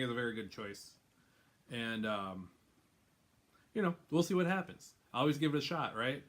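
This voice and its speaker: A male host chats casually at a middle pitch with a fairly bright tone, rambling and frequently laughing. His conversation drifts from topic to topic before returning to the point.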